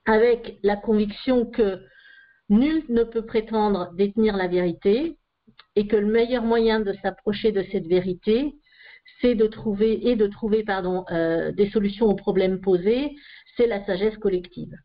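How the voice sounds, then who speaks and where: A woman explains her ideas to an online group, pausing often with fillers as she goes. Her voice sits at an ordinary middle pitch, and the video call makes it sound muffled. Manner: hesitant, with frequent "euh" fillers. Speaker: session leader.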